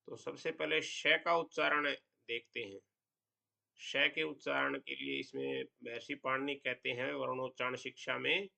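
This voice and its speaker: Slow, gravelly male Sanskrit teacher. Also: medium pitch, sharp tone. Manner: slow, deliberate explanation with drawn-out example sounds. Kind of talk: pronunciation lesson.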